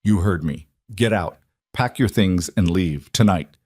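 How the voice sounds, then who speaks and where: A man's voice: deep voice, unhurried, a little mellow, no room sound, studio quality. A man voicing a cold, dismissive daughter-in-law who gives curt orders.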